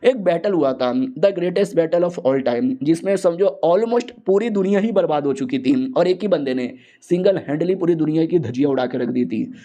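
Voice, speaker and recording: A man doing a gruff old master. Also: on the high side, expressive, moderate pace, hardly any pauses, dark tone, close to an everyday voice. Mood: offhand. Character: old male sect elder, gruff and teasing master.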